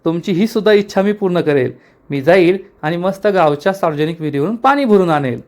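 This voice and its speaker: A man's voice: sits high, animated, fairly quick, a little mellow. A man reading aloud the lines of a determined young woman who is village head, speaking reassuringly and firmly. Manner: reassuring, firm.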